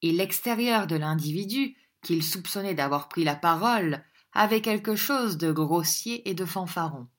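Woman narrating a classic novel, low voice. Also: expressive, normal speed, few pauses. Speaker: audiobook reader.

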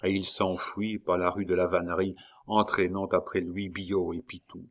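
A man reading a historical novel aloud in a measured, dramatic narration. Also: low voice, flat delivery. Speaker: audiobook narrator. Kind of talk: scripted narration.

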